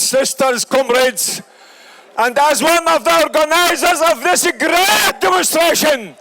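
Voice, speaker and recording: A man speaking as an organizer at an outdoor rally, slow and emphatic, shouting to the crowd. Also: very high voice, a little hiss or hum, poor audio. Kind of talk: rally speech.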